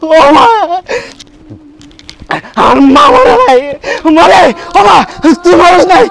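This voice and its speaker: A man's voice: very high voice, very animated, takes it slowly, vocal fry, full character voice. A man playing a sobbing son wailing over his mother. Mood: wailing grief. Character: grieving young man mourning his dead mother. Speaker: son returned from abroad. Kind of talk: melodramatic short-film acting. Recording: loud music under the voice.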